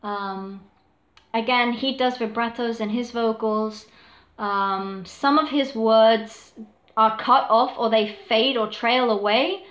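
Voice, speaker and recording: A woman's voice: fairly high pitch, fairly even intonation, slow, a bit bright, echoey room, dull audio. A woman streamer chatting casually at home, rambling with laughs, fillers and swearing. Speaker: live streamer talking about cover singing. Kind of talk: casual chat. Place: home room with a dog.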